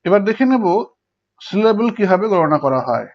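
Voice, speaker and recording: A man's voice: high voice, sing-song, normal speed. A male teacher explaining English prosody step by step to students and working through examples. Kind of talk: Bengali lecture on English prosody. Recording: dull lo-fi recording.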